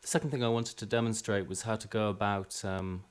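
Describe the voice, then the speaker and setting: A man walks through an informal music production tutorial step by step, a little hesitant at times, as drum and music tracks play. His lowish voice stays steady and clean, at a brisk pace.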